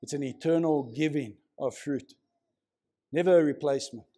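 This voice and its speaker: A man's voice: a little high, moderate pace, mellow. A man preaching a conversational sermon to a congregation, prodding them with questions. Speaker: pastor. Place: church, before a congregation.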